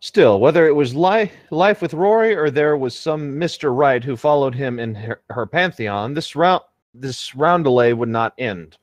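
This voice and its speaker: A man's voice: mid-range voice, animated, normal speed, hardly any pauses, no room sound. A man chatting casually with friends and reading a story aloud.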